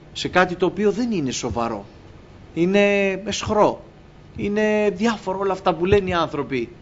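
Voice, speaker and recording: A man's voice: on the high side, slight background noise. A man preaching a sermon to his congregation, addressing them as brothers and acting out exchanges with God. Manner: impassioned, acts out dialogues with God, addresses brothers. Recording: dull lo-fi recording with faint ambience.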